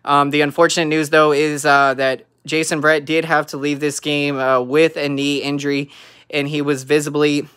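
A man's voice: fairly high pitch, little pitch movement, normal speed, fairly bright tone, clean tone, dry recording, clean studio sound. A man in his thirties, a sports fan vlogging an emphatic, earnest post-game recap to a phone at arm's length in a room at home.

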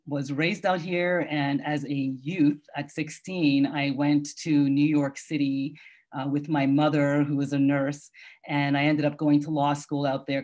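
A middle-aged woman from Canada introducing herself as an independent candidate over a video call, deliberate and concerned with frequent pauses. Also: low voice, darkish tone.

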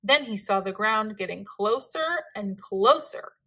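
A woman reading a children's picture book aloud, with gentle, expressive narration. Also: medium pitch, measured pace. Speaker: storyteller.

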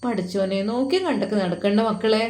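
A woman's voice: mid-range voice, fast, a little mellow, roomy sound, natural voice. A woman voicing an elderly mother who tenderly fusses over an injured young man. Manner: tender, fussing. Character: old woman, loving doting mother.

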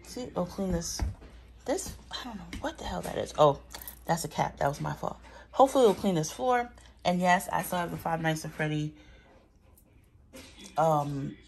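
A woman in her thirties chats casually and candidly while showing off her grocery haul at home, handling items off camera as she talks. She's a vlogger filming on a phone camera she holds herself, and her medium-pitched voice comes with a little hiss or hum.

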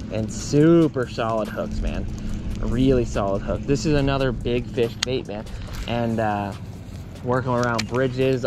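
Laid-back man fishing on a boat. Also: medium pitch. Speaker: fishing guide explaining lures. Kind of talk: casual outdoor how-to talk. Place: outdoors on a boat on the water. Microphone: action camera on the body. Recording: outdoor camera audio with steady noise.

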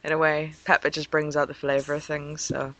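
A woman's voice: sits low, little pitch movement, a little fast, a bit bright, poor audio. A woman in a casual online group call, rambling through funny stories and giggling.

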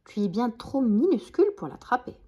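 A woman's voice: a little high, very animated, moderate pace, mellow, breathy edge, muffled recording. A woman voicing a doubtful, wry young earthworm friend in a bedtime story.

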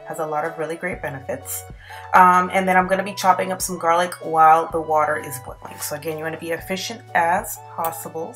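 Her voice is lowish and a bit bright as she hosts a relaxed cook-along vlog from home. The woman, in her thirties, gives instructions informally in her kitchen, with the indoor space also taking in the living room.

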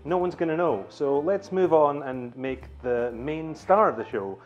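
A man hosting a comedic home cooking vlog in a kitchen, with wry, deadpan humor. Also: a little high, unhurried, lo-fi sound, faint music behind. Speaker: cooking show host.

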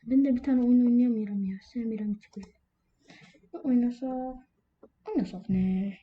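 A woman's voice: a little high, moderate pace. A woman hosting her own gaming channel, giving casual commentary while grumbling and ranting at the game. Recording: lo-fi with background noise.

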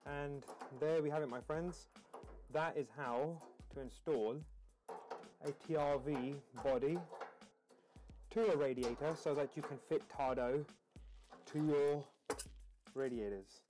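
A man's voice: on the high side, slow, pauses often, warm tone, soft background music. A man in his thirties, a heating engineer, casually explaining his work to camera as he installs parts indoors in a home. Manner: casual, talks to camera while working. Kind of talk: work vlog tutorial. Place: indoors in a home utility room.

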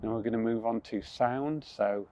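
A young man leading a guided mindfulness practice outdoors on a rooftop, speaking calmly, slowly and gently, with soft restarts. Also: mid-range voice, slight background noise. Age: young adult. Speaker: mindfulness instructor.

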